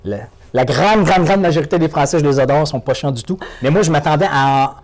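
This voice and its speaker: Man, Québécois accent, rapid speech, emphatic and repetitive, motivational speaker in an interview. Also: on the high side. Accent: Québécois French. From Quebec. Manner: emphatic, repeats words and phrases for effect. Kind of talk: animated interview talk.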